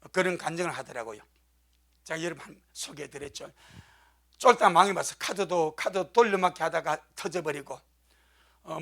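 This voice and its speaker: A man's voice: sits high, creaky, a bit bright. A man preaching a sermon as pastor, fervent and emphatic, often calling out amen.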